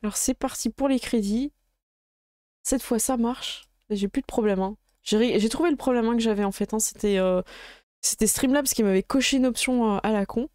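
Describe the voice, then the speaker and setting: Warm-voiced chatty woman streamer. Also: on the high side, no room sound, clean studio sound. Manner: chatty, halting, many fillers. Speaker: game master and streamer. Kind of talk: casual chat closing a live stream.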